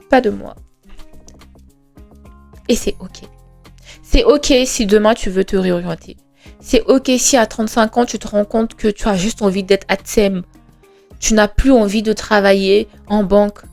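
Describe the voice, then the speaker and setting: With faint music in the background, a twenty-something woman hosts a podcast in a reflective monologue. Her mid-range voice is gravelly and a little mellow, moving at normal speed with frequent pauses. She sounds earnest and conversational, hesitating often, asking rhetorical questions and reassuring emphatically.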